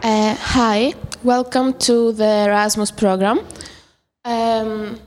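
Teen girl, student podcast host, halting reads, echoing room. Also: a little high, level tone, music in the background. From Greece. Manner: hesitant, reading questions with fillers. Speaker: student interviewer. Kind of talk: scripted school podcast questions.

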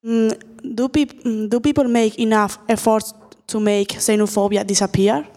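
A woman's voice: a little high, steady tone, moderate pace, darkish tone. A woman from Spain, hosting and asking the interview questions briefly. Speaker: podcast host, interviewer. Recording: reverberant room.

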